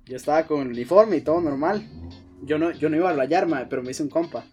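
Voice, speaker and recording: Costa rican young dude rambling thru a story, lots of slang, slightly high voice. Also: male voice, fast, a little mellow, faint music behind. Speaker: storyteller guest. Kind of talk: casual chat.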